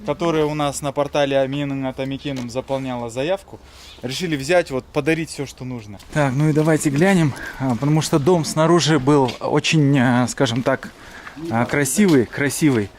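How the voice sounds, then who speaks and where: A man's voice: mid-range voice, moderate pace, slight background noise. A man hosting a charity show, interviewing people on location with friendly questions. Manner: friendly questioning, switching between two languages. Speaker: charity show host and reporter.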